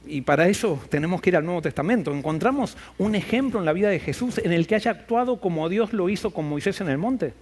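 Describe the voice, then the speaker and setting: A man's voice: sits high, lively intonation, quick pace, hardly any pauses, a little mellow. A man preaching a sermon as pastor, firing off rhetorical questions and acting out the voices he quotes. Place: church.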